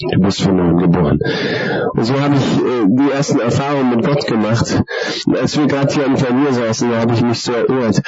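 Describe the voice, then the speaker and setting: A man preaching his personal testimony, earnest and emphatic, stretching some phrases out slowly. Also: medium pitch. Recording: dull lo-fi recording with crowd behind.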